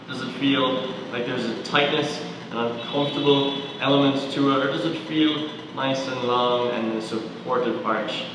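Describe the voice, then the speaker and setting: A man guiding a body scan as a movement coach, asking calm step-by-step questions about each body part. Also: mid-range voice, noisy background. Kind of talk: guided body scan instruction. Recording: echoey roomy sound from far off.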